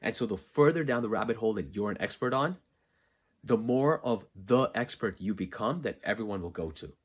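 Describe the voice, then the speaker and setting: A man with a lowish, slightly rough voice and lively intonation speaks a little fast on his solo motivational podcast. Having just worked out, he talks earnestly from an unfinished basement, emphatically asking and answering his own questions.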